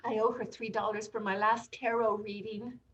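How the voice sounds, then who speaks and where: A woman voicing a flustered, fussy wife who speaks in a high, fluttery voice during an improvised comedy scene. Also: level tone, moderate pace, a bit bright, highs cut off, a little hiss or hum, natural voice.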